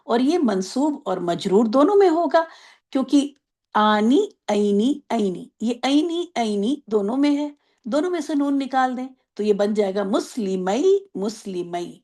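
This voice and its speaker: A woman's voice: fairly high pitch, expressive, a little mellow. Woman teaching Arabic grammar online. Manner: explains patiently, asks checking questions; stretches out example words slowly.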